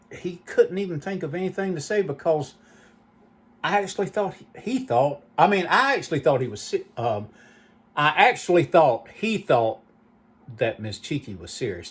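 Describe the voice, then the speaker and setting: A man's voice: a little high, very animated, normal speed, breathy edge. Guy just rambling about the old days, chatty, wanders off on asides. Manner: rambling, nostalgic storytelling with asides. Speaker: channel host. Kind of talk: rambling reminiscing monologue.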